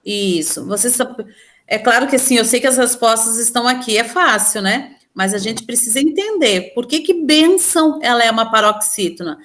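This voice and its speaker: Brazilian woman, teacher, slightly high voice, patient step-by-step explainer who quizzes the class. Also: animated, normal speed, a bit bright, slight background noise. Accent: Brazilian Portuguese. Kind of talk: online class lesson.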